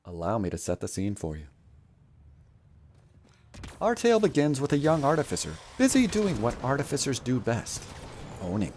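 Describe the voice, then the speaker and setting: Against a noisy background, a man with a mid-range voice talks at normal speed, his pitch swooping wildly and his delivery pausing often. The video storyteller and gamer gives scripted, mock-epic, grandiose, theatrical, mock-solemn narration about a video game.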